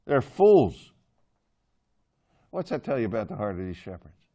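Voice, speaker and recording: A man's voice: on the low side, big pitch swings, measured pace, gravelly, dark tone. A man teaching a Bible class, chatty and joking with his students and often asking them questions.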